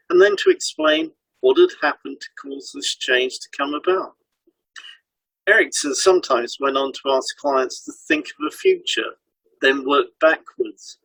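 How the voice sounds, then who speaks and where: A hypnotherapy trainer co-hosting an educational podcast reads scripted explanations aloud in an instructive way. His voice is on the high side, gravelly, husky and fairly bright, in a rough, dry recording with no room sound.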